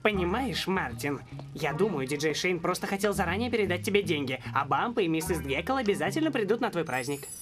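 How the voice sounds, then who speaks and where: A man's voice: high voice, animated, brisk. A man voicing a scheming cartoon boy prankster who talks in a glib, persuasive way. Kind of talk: cartoon dub acting. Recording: music behind the voice.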